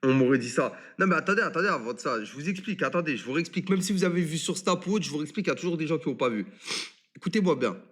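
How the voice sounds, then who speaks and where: Young man, high voice, streamer, animated, crude, swearing, live-stream storytelling. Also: racing, slightly rough. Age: 20s.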